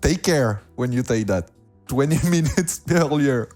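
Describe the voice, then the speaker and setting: A man, a French-speaking host, interviewing a guest in English in a relaxed, lightly teasing way. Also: mid-range voice, measured pace, faint music behind. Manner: lightly teasing, laughs often. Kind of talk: casual interview.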